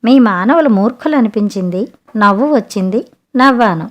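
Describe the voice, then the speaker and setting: A woman voicing a clever, sharp-tongued young sea maiden in a spoken storybook, talking frankly and chidingly. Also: fairly high pitch, lively intonation, moderate pace, close to an everyday voice.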